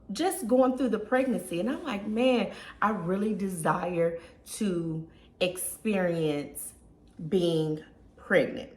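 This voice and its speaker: A woman's voice: fairly low pitch, fairly bright tone. Emotional woman telling her story, echoey room. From Southern US. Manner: emotional, conversational, addresses viewers as y'all. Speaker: lifestyle vlogger. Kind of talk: personal storytelling to camera.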